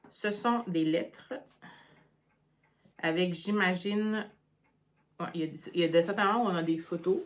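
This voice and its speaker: A woman's voice: fairly low pitch, muffled recording. A tired woman with a Quebec French accent chatting hesitantly at home in a casual book vlog, with many fillers. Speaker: book vlogger.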